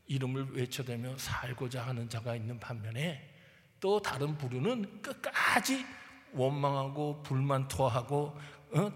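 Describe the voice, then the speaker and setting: A man's voice: mid-range voice, fairly bright tone. Emphatic male pastor in a reverberant hall. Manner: emphatic, prods listeners with rhetorical "eh?"; acts out Bible figures in quoted speech. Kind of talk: sermon.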